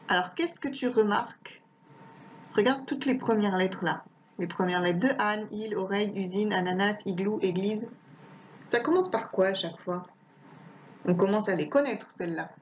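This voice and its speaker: A woman teacher giving a home lesson to a young child, patient and slow, repeating words and spelling out letters one by one. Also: medium pitch, slight background noise. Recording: dull lo-fi home recording.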